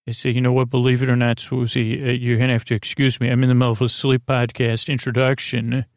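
Quick-paced and monotone, a man with a creaky, gravelly mid-range voice rambles through a whimsical bedtime monologue for his sleep podcast, hesitating and stammering through false starts. The recording is dry and studio quality.

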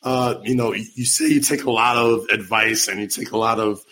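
A man hosting a casual interview chat, easygoing and quick to laugh. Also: fairly low pitch, steady tone, bright, forceful tone, low-quality recording. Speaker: podcast host, interviewer.

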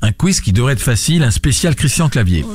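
A man hosting a radio film show and running a blind-test quiz in a joking, lively way. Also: medium pitch, fast. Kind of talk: casual chat, quiz hosting.

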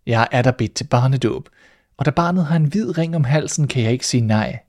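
A man's voice: medium pitch, natural voice. A man reading a fairy tale aloud, voicing a sly, greedy tomcat who talks smugly and turns threatening. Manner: smug and sly, turning sharp and threatening. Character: sly greedy male tomcat, smug and menacing.

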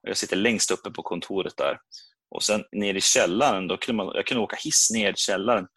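A man tells a story in casual podcast chat, acting out his own reactions as he goes. His voice sits fairly low, and the sound is close and dry with no room echo. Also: breathy edge. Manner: animated anecdote telling with acted-out reactions. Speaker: podcast co-host.

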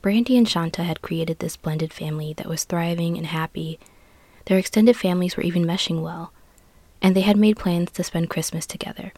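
A woman tells a scripted true crime story as the host. Her voice sits a little low and the sound is dry, with little room on it. She keeps a serious, measured storytelling manner. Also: darkish tone, no echo.

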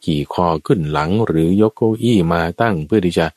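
Deep-voiced Thai preacher telling a tale. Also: male voice, brisk, no echo. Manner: lively storyteller, acts out quoted characters with sudden high shouts. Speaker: dharma preacher. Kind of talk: storytelling Buddhist sermon.

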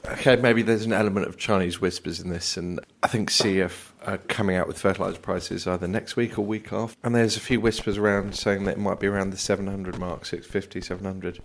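Low-voiced blunt man. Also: steady tone, a little fast, vocal fry, hardly any pauses, a little hiss or hum. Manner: blunt, plain-spoken. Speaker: grain trader. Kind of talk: casual market chat.

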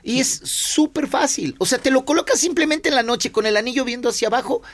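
A man with a Mexican accent giving an emphatic, persuasive radio infomercial pitch, stretching out key words. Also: a little fast, fairly bright tone, no room sound. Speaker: product pitchman.

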